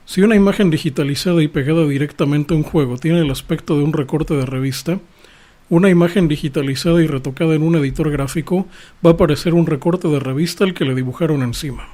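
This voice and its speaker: A man with a somewhat higher voice hosts a podcast and reads a prepared monologue. He explains things in a lecturing tone and talks directly to his listeners. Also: mellow. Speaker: podcast host.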